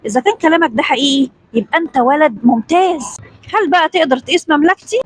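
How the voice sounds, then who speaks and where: A woman's voice: high voice, lively intonation, fast talker, no echo. A woman voicing a curious, commanding male sultan with an Egyptian Arabic accent. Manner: stately, eager questions.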